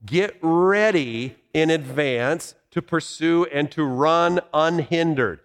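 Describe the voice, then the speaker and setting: A man's voice: a little high, takes it slowly. A man preaching a sermon in a conversational way, explaining Bible verses with asides and rhetorical questions. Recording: long hall reverb.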